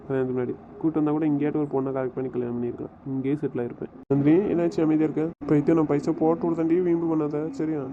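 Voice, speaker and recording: A man's voice: fairly high pitch, flat delivery, racing, few pauses, background noise. A man talking with his wife on a phone call, teasing her and giving bossy instructions. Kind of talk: casual phone conversation.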